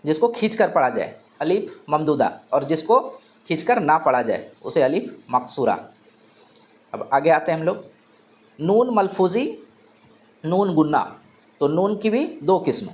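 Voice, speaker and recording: A man's voice: fairly high pitch, sing-song, unhurried, long pauses, dull audio. A male teacher giving an exam-prep grammar lesson, asking questions and answering them himself, repeating key terms.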